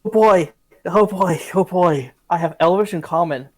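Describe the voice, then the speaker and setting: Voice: mid-range voice, normal speed. A player at a tabletop game who talks casually, thinking aloud and hesitating with many fillers. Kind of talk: casual game play talk.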